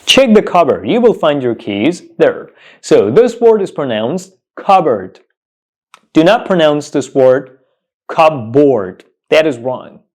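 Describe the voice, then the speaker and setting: A man's voice: on the high side, a little mellow. A man teaching English pronunciation, repeating each word several times with strong emphasis. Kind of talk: slow, emphatic pronunciation lesson.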